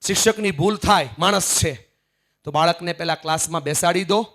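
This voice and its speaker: A middle-aged man giving a live motivational seminar, emphatic, swinging from loud to hushed. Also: a little high, fairly quick. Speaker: motivational speaker. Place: large seminar hall with audience.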